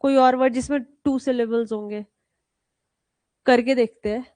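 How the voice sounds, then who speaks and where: A woman's voice: fairly high pitch, steady tone, normal speed, mellow, dry recording. A woman teacher from India giving a live grammar lesson with an Indian accent, quizzing students and calling them "beta" as she explains spelling rules. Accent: Indian English. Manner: switches between Hindi and English terms, spells out rules.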